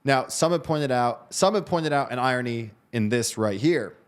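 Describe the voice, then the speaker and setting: A man's voice: mid-range voice, animated, normal speed. A man co-hosting a news show, discussing the headlines in a conversational, hedging way and often restarting his phrases.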